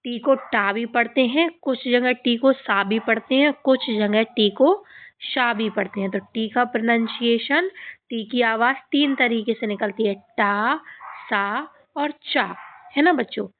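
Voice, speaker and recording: A woman's voice: fairly high pitch, a little slow. A woman teacher giving a reading lesson to children, who patiently repeats each word and keeps asking the kids questions. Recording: tinny phone-like sound.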